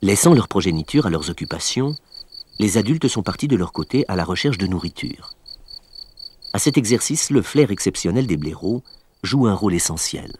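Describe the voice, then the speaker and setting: A low-pitched male narrator reads a nature documentary script in measured, explanatory phrases. Faint insect noise, like crickets, sits behind his voice. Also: expressive, a little mellow.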